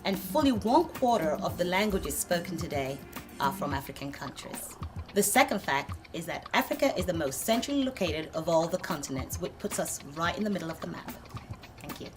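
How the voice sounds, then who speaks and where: A woman reads out prepared facts carefully, as if from notes. Her pitch sits a little low but moves a lot. Clear music plays behind her. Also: animated, a little fast. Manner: careful, read-aloud delivery. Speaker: fact presenter on the show.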